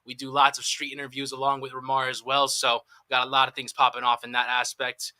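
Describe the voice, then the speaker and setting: A man co-hosting a live dating podcast, reading shout-outs and plugs in an upbeat promotional way. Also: medium pitch, monotone, fast, smooth, no room sound. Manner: promotional, upbeat announcer delivery. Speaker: podcast co-host.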